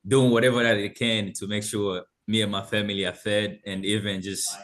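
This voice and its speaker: Young man from Tanzania, lowish voice, earnest and halting, webinar guest on a video call. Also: flat delivery, fairly bright tone. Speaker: intern, panel guest. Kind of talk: personal story on a webinar panel.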